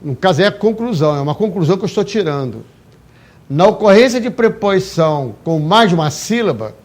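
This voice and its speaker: A man with a high voice leads a live grammar class in a classroom. He explains each rule step by step, stresses the key points and keeps checking that the class follows along. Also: darkish tone. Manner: emphatic, explains step by step with frequent check-in questions. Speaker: Portuguese grammar teacher. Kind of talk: live exam-prep class lecture. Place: classroom, also streamed online.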